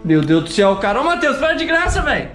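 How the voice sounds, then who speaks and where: Brazilian guy, highish voice, nervous horror vlog at night, calling out, faint music under it. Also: big pitch swings, fast, a bit bright. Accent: Brazilian Portuguese. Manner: anxious, calling out and talking to viewers. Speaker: YouTuber. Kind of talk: acted horror vlog narration to viewers. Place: outdoors at a country house at night.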